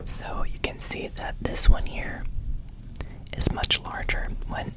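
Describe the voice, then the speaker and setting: A man whispering an ASMR ramble close to the microphone, softly repeating words and phrases as he goes. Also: slow. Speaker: ASMR video creator and host. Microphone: close microphone, brushed as he talks.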